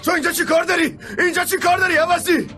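An actor playing a furious young man who shouts insults at an intruder in a dubbed TV drama. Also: very high voice, sing-song, exaggerated voice. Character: hot-headed young man, enraged at an intruder. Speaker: furious brother. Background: dramatic music.

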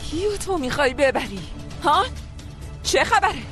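An actress playing a widowed mother who scornfully shouts at her brother-in-law to protect her child. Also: high-pitched, lively intonation, soft background music. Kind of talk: film drama dialogue.

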